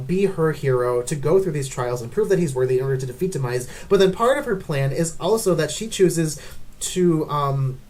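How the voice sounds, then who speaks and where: A woman's voice: deep voice, a little mellow. A woman giving unscripted, ranting commentary as she ranks game characters, exasperated and full of "like" fillers. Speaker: video creator ranking game characters.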